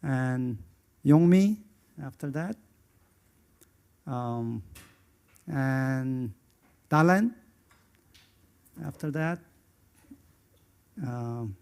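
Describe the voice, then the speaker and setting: A man's voice: mid-range voice, drawn-out words, pauses often, a little mellow, smooth. A man from Indonesia moderating a conference panel, hesitant and full of filler sounds.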